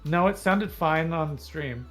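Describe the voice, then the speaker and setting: A man's voice: a little high, takes it slowly, a bit bright, faint music behind. Talkative man explaining a game. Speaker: guest co-player on a livestream. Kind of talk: casual gaming chat.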